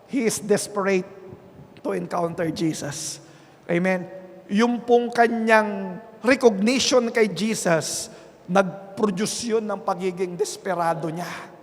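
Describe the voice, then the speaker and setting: Male pastor, Filipino accent, very high voice, church sermon, long hall reverb. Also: slow pace. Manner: punctuates nearly every phrase with "Amen?" to the congregation; swings from quiet earnest talk to loud, emphatic preaching. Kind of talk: bilingual Sunday sermon. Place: church sanctuary. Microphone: handheld microphone.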